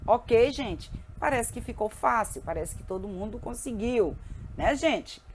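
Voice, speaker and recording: A woman's voice: fairly high pitch, lively intonation, a little hiss or hum. Patient woman teaching a grammar lesson. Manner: spells out letters slowly, asks frequent check-in questions.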